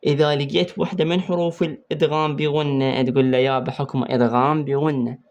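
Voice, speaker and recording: A man with an Iraqi Arabic accent teaching an exam-prep lesson on Quran recitation rules. He quizzes the student and repeats key points slowly while writing on a board. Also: fairly high pitch, flat delivery, a little mellow. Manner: writes on a board while explaining.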